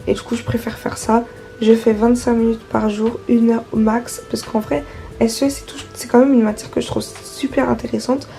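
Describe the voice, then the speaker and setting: A woman's voice: a little high, flat delivery, moderate pace, gravelly, warm tone, faint music behind, low-quality recording. A teenage girl chatting casually through her vlog, with many fillers and restarts. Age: teens. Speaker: vlogger.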